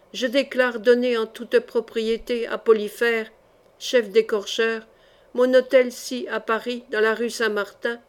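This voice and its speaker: A woman reading a historical adventure novel aloud as an audiobook, with dramatic delivery. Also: a little high. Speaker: audiobook reader.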